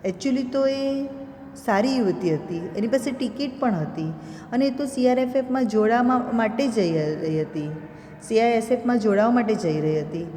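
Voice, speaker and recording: A woman teacher with a mellow, dark voice walks students through a story, expressive and drawn out on the moments she wants to land. She sounds like she is in a bare room with a long, ringing echo. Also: fairly high pitch, slight background noise. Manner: expressive storytelling, slows down for emphasis. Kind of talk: explaining a school literature lesson. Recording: echoey room with long reverb.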